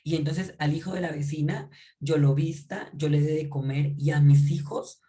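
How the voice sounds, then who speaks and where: A woman's voice: sits low, fairly even intonation, normal speed, dark tone. A woman giving an informal Bible teaching. She talks conversationally, often checks in with her listeners and repeats or restarts phrases as she explains.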